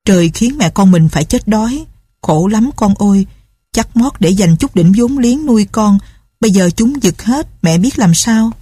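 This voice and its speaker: A woman's voice: mid-range voice, lively intonation, normal speed, dark tone, husky, no room sound, studio quality. A woman voicing a poor, sick young mother, plaintive and lamenting.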